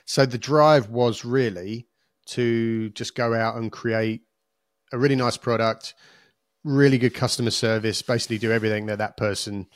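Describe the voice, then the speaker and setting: A man's voice: medium pitch, steady tone, moderate pace. A British man hosting a casual interview, informally summing up and rephrasing what he hears. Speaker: podcast host.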